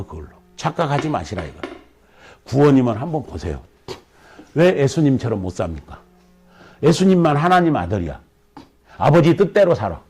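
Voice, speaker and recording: 중년 남성 목사가 새벽 예배에서 설교하며, 수사적 질문을 던지고 강하게 꾸짖듯 말한다. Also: male voice, medium pitch, creaky, a little mellow, husky. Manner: emphatic, scolding preaching with rhetorical questions. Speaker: pastor. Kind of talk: sermon.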